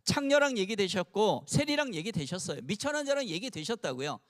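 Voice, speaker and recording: Casting: man in his 60s, pastor, fairly high and very animated voice, playful and engaging with the crowd. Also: fairly quick. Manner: animated, playful, has the audience repeat phrases. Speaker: pastor and longtime teacher. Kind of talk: sermon to a mothers' gathering. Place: church, before a live audience.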